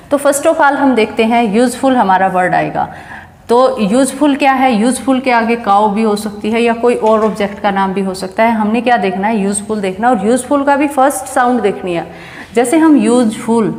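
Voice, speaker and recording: A woman's voice: fairly high pitch, darkish tone. A woman teaching an English grammar lesson, explaining step by step and asking and answering her own questions. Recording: echoey room with long reverb.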